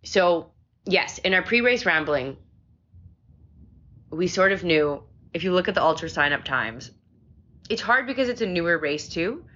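Low husky woman rambling on a phone recording, kinda muffled, hotel room. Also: expressive, unhurried, pauses often, fairly bright tone. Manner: rambling, with many restarts and fillers. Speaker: podcast host. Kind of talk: casual post-race chat.

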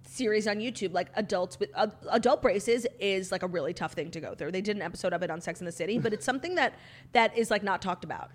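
A woman's voice: mid-range voice, fast talker. A woman hosting a podcast, chatting casually and emphatically, often saying "like". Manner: chatty, emphatic, heavy use of "like". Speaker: podcast host. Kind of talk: casual gossipy chat with sponsor read.

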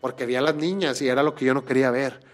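A man hosting a podcast, telling a personal dream story in casual chat, animated and often repeating words. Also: medium pitch, fast talker, soft background music. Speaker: podcast host.

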